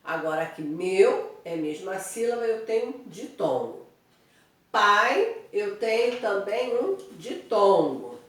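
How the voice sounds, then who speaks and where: A woman's voice: mid-range voice, animated, slow. A woman teaching Portuguese grammar in an online review lesson, explaining step by step and checking in with her students. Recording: very echoey room, voice from a distance.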